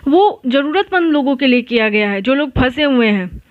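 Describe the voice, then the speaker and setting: A woman who teaches exam prep online gives casual, reassuring advice to students, chatting and often restarting or correcting herself mid-sentence. Her high voice is animated at a moderate pace, with no echo and narrow, tinny audio.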